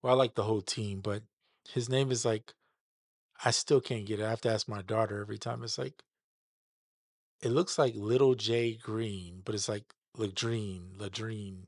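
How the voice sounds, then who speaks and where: Laid-back lower-voiced man chatting on a stream. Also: steady tone, normal speed, no room sound, clean studio sound. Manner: easygoing, chatty, stumbles over names and repeats them. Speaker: music producer hosting a live stream. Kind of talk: casual chat while demonstrating a mix.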